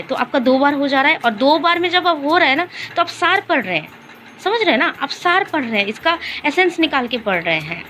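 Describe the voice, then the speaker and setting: A woman's voice: sits high, pushed and bright, slight background noise. A young woman chatting casually in a study vlog, explaining her approach with lots of fillers and restarts. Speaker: vlogger.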